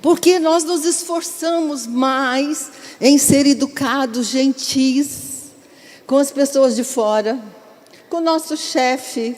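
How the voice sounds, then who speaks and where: A woman's voice: fairly high pitch, darkish tone. Woman preaching in a reverberant church. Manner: earnest and exhorting, with direct questions to the congregation. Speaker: bishop and pastor. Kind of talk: sermon. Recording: long reverb of a large hall.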